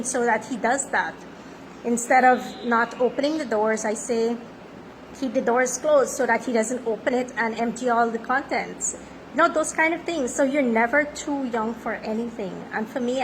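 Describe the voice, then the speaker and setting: Confident woman life coach, high voice. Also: slight background noise, rough recording. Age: 30s. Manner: confident, self-affirming. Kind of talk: motivational monologue.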